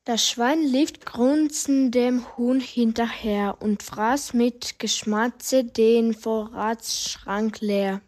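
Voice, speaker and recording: Female narrator, slightly high, slow and steady rhyming read. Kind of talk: rhyming story reading.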